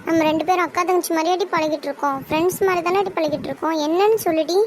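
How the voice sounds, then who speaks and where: Woman as protective cartoon big sister, very high voice, coaxing, faint background hiss. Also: fairly even intonation, very fast. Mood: insistent. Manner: coaxing, affectionate, insistent. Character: caring older sister, young woman, protective. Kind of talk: cartoon drama voice acting.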